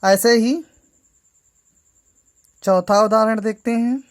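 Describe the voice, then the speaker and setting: A woman's voice: fairly high pitch, slow. A woman teaching a grammar lesson to school students, patiently going through each step and repeating "ठीक है".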